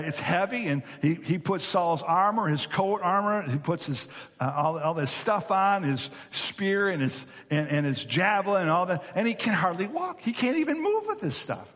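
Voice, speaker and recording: A man preaching a sermon as pastor, animated and emphatic, often repeating his words. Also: sits high, moderate pace, long reverb tail.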